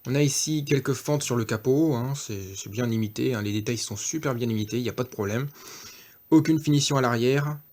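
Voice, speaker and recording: A man's voice: mid-range voice, brisk, a little mellow. A man giving a casual off-camera toy review, hesitant, with many fillers and self-corrections.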